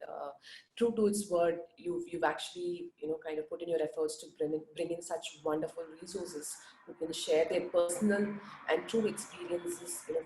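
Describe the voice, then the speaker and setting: A woman's voice: low-pitched, a little mellow, reverberant, slight background noise, poor audio. A woman from India speaking on an online panel over a video call, with a groggy early-morning voice and many "you know" fillers.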